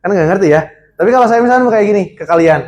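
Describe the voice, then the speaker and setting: A young man teaching a college seminar class on a handheld mic, lively and constantly quizzing his audience. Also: high voice, rapid-fire, muffled recording. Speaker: seminar speaker. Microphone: handheld microphone.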